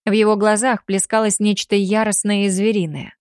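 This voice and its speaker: A woman narrating a fantasy novel in an audiobook, in a steady, measured reading voice. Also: medium pitch, clean tone, no room sound, clean studio sound.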